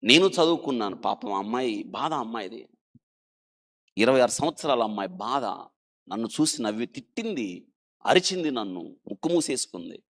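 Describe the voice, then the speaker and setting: Animated man telling a dramatic story. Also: medium pitch, moderate pace, pauses often. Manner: dramatic, animated storytelling that swings between loud emphasis and quiet; speaks directly to listeners, urging them to listen and think. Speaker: doctor. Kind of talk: storytelling in an interview.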